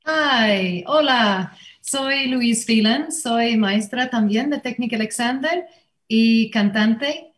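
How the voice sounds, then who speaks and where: A woman's voice: fairly high pitch, slow. Woman, earnest panel introduction. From Ireland. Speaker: Alexander Technique teacher and singer. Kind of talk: panel introduction over video call. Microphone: video call.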